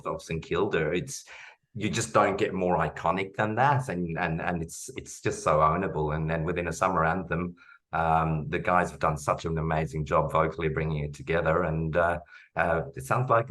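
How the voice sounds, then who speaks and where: A man's voice: low voice, fairly bright tone. A man talking enthusiastically about making a song, rambling a little. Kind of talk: casual chat.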